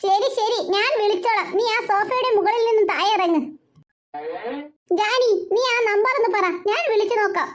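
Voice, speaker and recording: A woman's voice: very high voice, normal speed. A woman voicing a patient cartoon mother who coaxes and questions her children. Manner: coaxing, questioning. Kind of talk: cartoon voice acting.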